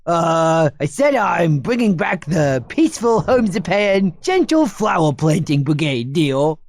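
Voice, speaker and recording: A man voicing a dim, excitable cartoon athlete playing colonel, bombastic like a booming prize announcer. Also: unhurried, gravelly, a little hiss or hum, exaggerated voice. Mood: sheepish, grumbling. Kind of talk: cartoon game acting.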